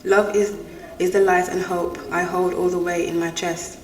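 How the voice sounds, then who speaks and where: A middle-aged woman, a mother of grown sons, reciting her own poem in a steady, even voice. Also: lowish voice, normal speed. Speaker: interview guest. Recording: echoey room, distant mic, faint noise.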